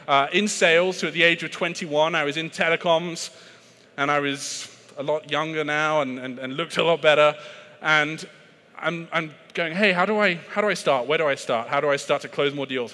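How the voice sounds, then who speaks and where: This British keynote speaker on sales has a bright, forceful voice that sits slightly high, and a long reverb carries it around the large hall. His delivery is chatty and self-deprecating, full of fillers and restarts.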